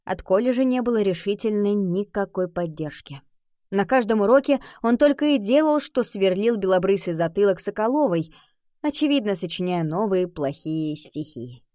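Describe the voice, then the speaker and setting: A woman's voice: medium pitch, animated, normal speed, mellow, dry recording, studio quality. Woman narrating a children's story. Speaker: audiobook narrator. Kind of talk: scripted narration.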